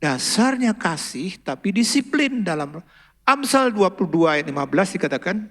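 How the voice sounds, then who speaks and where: A middle-aged male pastor with an Indonesian accent, preaching a sermon and telling family stories, moving from loud emphasis to soft asides. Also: sits high, big pitch swings, normal speed, big-room sound. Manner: storytelling, acts out dialogue, swings from loud emphasis to soft asides. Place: large church hall.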